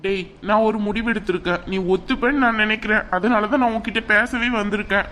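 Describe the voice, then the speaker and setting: A woman's voice: medium pitch, fairly even intonation, fast talker, fairly bright tone, lightly acted. Woman doing a downcast troubled cartoon father. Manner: downcast, apologetic. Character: defeated troubled man, father.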